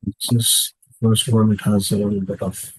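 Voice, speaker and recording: A man's voice: fairly low pitch, level tone, moderate pace, husky, no echo, poor audio. A man, a student, showing his work hesitantly in plain words during an online class.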